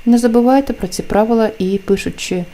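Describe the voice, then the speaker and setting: A woman teacher explaining pronunciation rules in a deliberate lesson, carefully enunciating example words. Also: a little high, mellow. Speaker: language teacher.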